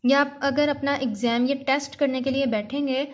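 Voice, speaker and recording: A woman teaching an English vocabulary lesson, drawing out each word slowly before explaining it quickly. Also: high voice, steady tone. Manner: slow, drawn-out word readings followed by quick explanations.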